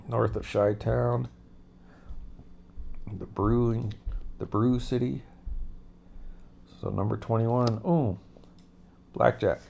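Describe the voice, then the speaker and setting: With a stuffy nose and a creaky, slightly mellow voice of medium pitch, a man chats away to viewers, whom he calls folks, while opening cards on video. The dull lo-fi recording has slight background noise.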